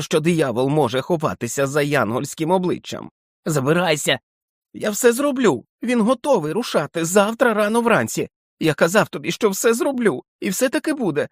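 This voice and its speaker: A shrieking hysterical old keeper. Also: male voice, sits high, very animated, normal speed, no room sound, clean studio sound, pitched above the performer's own voice. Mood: furious, frantic. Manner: shrieking, sobbing, frantic. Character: hysterical trembling old male depot keeper. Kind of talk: audiobook character voice.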